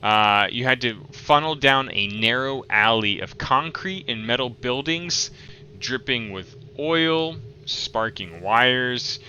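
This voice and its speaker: A man narrating a tabletop game as game master, improvising descriptions in a halting way. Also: mid-range voice, lively intonation, bright, forceful tone, highs cut off, slight background noise.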